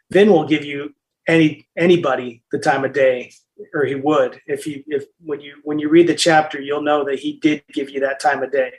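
A man, an author and interview guest, telling a story in a casual, animated way with frequent restarts and bits of quoted dialogue. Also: medium pitch, low-quality recording.

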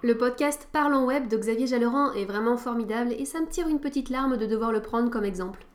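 Woman, podcast host, scripted lesson, wry and playful, slightly high voice. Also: a little fast, music in the background.

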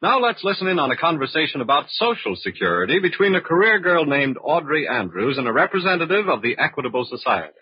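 A slightly high-pitched man talks fast and with hardly a pause, his voice a bit rough and his pitch swinging widely, with no echo. As a radio announcer and sponsor spokesman, he pitches products in the emphatic, polished style of a 1940s salesman. The recording is a muffled old radio broadcast.

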